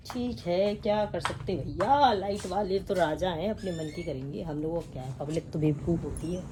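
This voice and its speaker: A woman's voice: on the low side, moderate pace. Chatty young mother vlogging at home, noisy. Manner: chatty and homely, talks to viewers and coaxes her child. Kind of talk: casual daily vlog chat. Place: home indoors.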